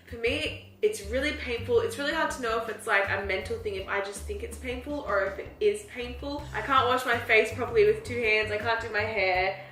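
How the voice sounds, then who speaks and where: A young Australian woman chats to her camera at home, her bright voice carrying a tired, unwell edge. She talks casually with plenty of "like" fillers and a self-mocking tone, in an echoey room. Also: on the high side, a little fast, few pauses, soft background music. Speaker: vlogger. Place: home apartment, indoors. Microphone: handheld camera.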